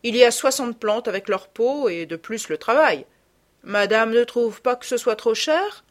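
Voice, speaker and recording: Storybook role: a woman playing an eager-to-please male flower seller, loud and deferential. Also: fairly high pitch, animated, unhurried, voice pushed up. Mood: obliging. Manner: obliging and deferential.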